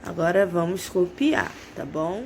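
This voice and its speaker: A Brazilian woman teaching preschoolers handwriting, reading words slowly and repeating each one for copying. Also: fairly low pitch, animated, darkish tone, slight background noise. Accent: Brazilian Portuguese. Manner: slow, drawn-out dictation, words repeated for copying. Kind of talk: slow handwriting lesson for children.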